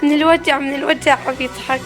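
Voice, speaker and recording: Young woman hosting a family vlog, rapid-fire and doting, over background music. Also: high-pitched, fairly even intonation.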